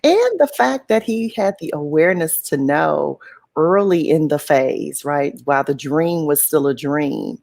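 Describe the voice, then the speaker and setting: Low-voiced enthusiastic woman co-host. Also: lively intonation, measured pace, gravelly, a little mellow. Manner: enthusiastic, laughs often. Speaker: show co-host. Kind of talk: casual podcast chat.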